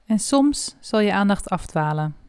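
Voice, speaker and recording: A woman leading a guided body scan meditation, speaking slowly and softly with long pauses. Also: medium pitch, smooth, no echo, studio quality. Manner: slow, soft and calm with long pauses.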